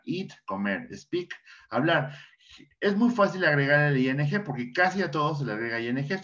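Lo-fi Mexican teacher explaining grammar. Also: male voice, medium pitch, fairly bright tone. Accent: Mexican Spanish. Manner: patient, repeats words for students, asks and answers himself. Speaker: English teacher. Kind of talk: classroom lesson explanation. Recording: dull lo-fi sound.

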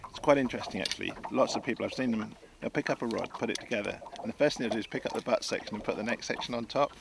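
A fishing guide in his sixties explains his tackle setup from a small boat on a lake in an outdoor how-to demonstration, chatty and explanatory with many restarts. His medium-pitched voice is rapid-fire with vocal fry. Wind and water noise can be heard.

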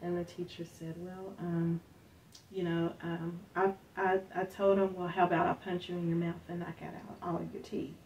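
A middle-aged woman from Northern Kentucky telling a personal story in an interview, soft-spoken, with many fillers, acting out the voices of the people she quotes. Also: on the low side, little pitch movement, normal speed, muffled recording. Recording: distant mic with faint background hiss.

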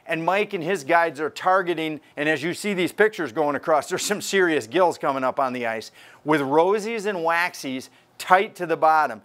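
A man's voice: on the high side, moderate pace. Upbeat older man giving fishing tips. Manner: energetic, gestures while talking to camera. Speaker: fishing report host. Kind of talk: enthusiastic fishing report. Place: fishing tackle store, indoors.

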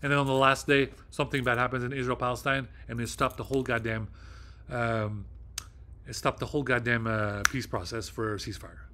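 A man's voice: mid-range voice, steady tone, fairly quick, bright, forceful tone, slight background noise. A man hosting his own video, talking off the cuff in a rambling, agitated way, with heavy fillers and swearing. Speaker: video host. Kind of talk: casual monologue.

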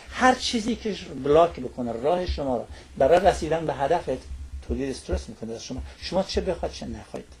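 A man's voice: a little high, a little mellow, husky. A man explaining a topic as a studio guest on a talk show. He lectures in long lists and keeps checking in with his listener through little tag questions.

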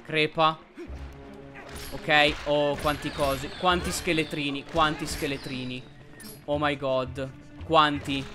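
A man hosting a let's play, commenting on gameplay and yelping excitedly at enemies. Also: a little high. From Italy. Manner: excitable, yelps and shouts at enemies.

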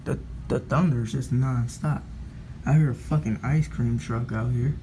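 In a noisy setting, a young American vlogger with a mid-range voice keeps a steady tone and moderate pace as he films the thunderstorm outside his window. His casual commentary is heavy on swearing and bluntness, shifting from scolding to muttering.

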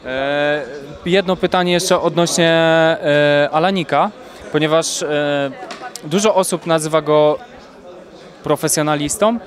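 A man's voice: on the high side, fairly even intonation, measured pace. A young man, a reporter, asking long rambling questions with fillers in a post-fight interview, outdoors on a handheld mic. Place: outdoors at an event press wall.

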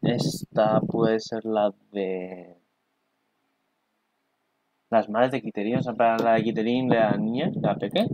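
A man's voice: on the low side, steady tone, a little slow, pauses often, highs cut off, background noise. A man chats casually over an anime preview, rambling, exclaiming and swearing as he goes. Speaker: anime reaction youtuber. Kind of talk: casual commentary.

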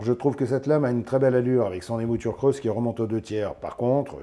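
A hoarse man hosts a casual knife review, his voice nearly gone. He talks in a chatty, joking way and tags his sentences with little asides. His tone is very dark and mellow, at a middle pitch. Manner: chatty, jokey, tags lines with "hein". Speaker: knife review channel host.

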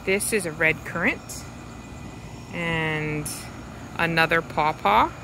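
A woman walking through her suburban backyard garden, filming with a handheld phone and explaining each plant in an unhurried, fond way. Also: low-pitched, noisy background. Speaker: home gardener giving a garden tour. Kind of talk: casual walking garden tour. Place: outdoors in a suburban yard garden. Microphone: handheld phone camera, speaker behind it.

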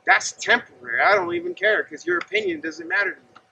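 His voice very high, gravelly and sharp, a man in his thirties preaches fast and with great animation, earnest yet conversational. He stands outdoors by a gravel lot and fence, gesturing toward a far-off camera, and the distant mic catches faint ambience plus a little hiss or hum.

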